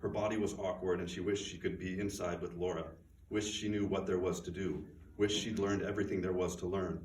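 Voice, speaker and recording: In a bookstore event room, a man reads his own fiction in a very low, quiet, measured voice with a flat delivery. He stands back from the microphone, so the recording sounds roomy and distant, with faint noise.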